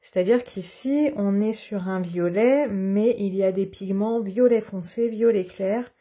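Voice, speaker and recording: A woman's voice: mid-range voice, measured pace, dark tone, husky. A woman chatting casually at her desk, explaining her watercolor work step by step with many fillers. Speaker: watercolor craft vlogger. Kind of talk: casual tutorial chat. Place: home desk in sunlight.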